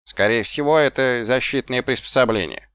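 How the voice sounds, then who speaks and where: A man voicing a scruffy, sly, cowardly little male guardsman who talks in quick, wheedling questions, in an audiobook. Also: mid-range voice, fairly bright tone, clean tone, no echo, studio quality, lightly acted.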